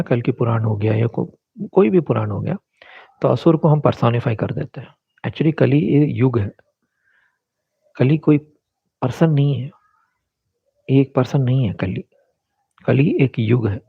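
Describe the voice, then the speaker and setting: Gravelly-voiced man explaining astrology. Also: medium pitch, no room sound. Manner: explanatory, mixes English words into Hindi. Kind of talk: casual explanatory talk. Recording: dull, lo-fi dry sound.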